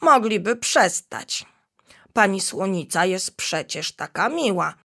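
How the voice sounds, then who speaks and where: A small lion cub boy speaks up earnestly and a little timidly, as a woman reading a storybook puts him on. The voice sits a touch higher than her own, with a gravelly texture. Slow and careful. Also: very animated, sharp tone, full character voice. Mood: pleading.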